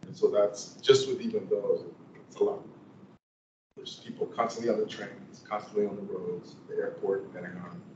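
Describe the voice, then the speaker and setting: A man's voice: on the low side, flat delivery, moderate pace, dull audio. A sheriff answering questions at a public meeting, methodically laying out his points one by one. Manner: methodical, lists points in order. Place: council meeting room. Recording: echoey room, distant mic, noisy.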